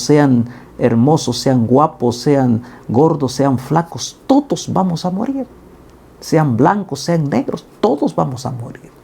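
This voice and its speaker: A middle-aged man preaches a daily Bible sermon. His voice is dark and gravelly with a husky edge. He speaks earnestly and climbs to emphatic highs for the scripture quotes. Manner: earnest, rising to emphatic peaks when quoting.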